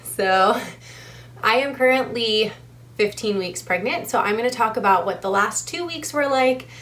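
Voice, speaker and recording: A woman's voice: a little high, moderate pace, a bit bright. A young adult woman talking casually to camera as a vlogger, chatty with frequent ums and a little short of breath. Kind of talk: casual vlog talk to camera.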